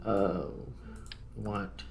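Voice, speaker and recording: A man with a fairly low, steady voice talks extremely slowly, with vocal fry, as he hosts a gaming video. He plays through the game and thinks aloud in a casual let's-play style, muttering to himself informally as he goes, with music playing in the background.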